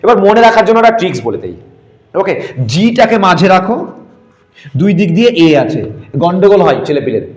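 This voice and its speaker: A man's voice: high-pitched, sing-song, fairly quick. A man teaching a geography class, spelling out terms letter by letter and drilling the students. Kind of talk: classroom lecture. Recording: echoey room.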